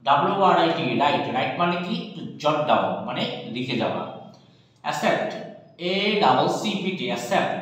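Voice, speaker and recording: A man teaching English vocabulary as an online lesson, spelling words out letter by letter and slowing down on the English definitions. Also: on the high side. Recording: very echoey room with long reverb.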